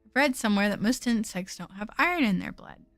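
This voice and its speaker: Woman reading as a measured, studious lady investigator. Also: medium pitch, expressive, fairly bright tone, no room sound, faint music behind, pitched below the performer's own voice. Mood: pensive, analytical. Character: studious, pensive investigator of fairy deaths. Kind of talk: reading a visual novel aloud.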